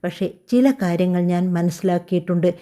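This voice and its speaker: A woman voicing a guarded young adult daughter who asks quiet, direct questions. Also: on the low side, fairly quick, natural voice.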